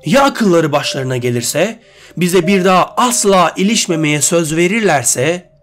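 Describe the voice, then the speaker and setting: A man's voice: fairly high pitch, animated, measured pace, fairly bright tone, faint music behind, pitched above the performer's own voice. A man voicing Silas, a mocking cruel sorcerer. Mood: rousing. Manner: mocking, coldly persuasive. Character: cruel scheming male sorcerer leader, adult. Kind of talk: storybook character voice.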